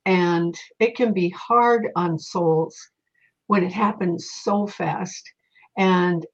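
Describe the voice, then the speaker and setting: Husky woman telling stories. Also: lowish voice, takes it slowly. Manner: animated, with frequent fillers and restarts. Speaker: psychic guest. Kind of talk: conversational storytelling. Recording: dull lo-fi recording.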